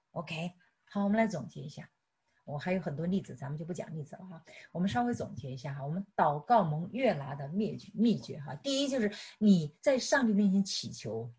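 A woman's voice: fairly low pitch, darkish tone, slightly rough. A middle-aged woman teaching a sermon on prayer, chiding her listeners with rhetorical questions and stumbling over repeated words. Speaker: Bible teacher.

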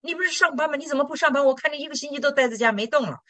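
A preacher voicing lazy grown children in a story who whine anxiously in a high, hurried voice. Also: pushed and bright, no echo. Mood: whiny.

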